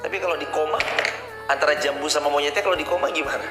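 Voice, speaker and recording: A man preaching an animated sermon to a congregation, asking rhetorical questions, with an Indonesian accent. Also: on the high side, very fast. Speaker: ustadz preacher. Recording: echoey hall with music behind.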